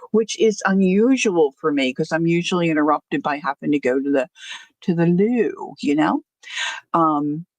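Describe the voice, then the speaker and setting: An older woman with a lowish voice chats casually while hosting a livestream, wandering easily through asides. Missing front teeth slightly slur her words, and the audio has no echo.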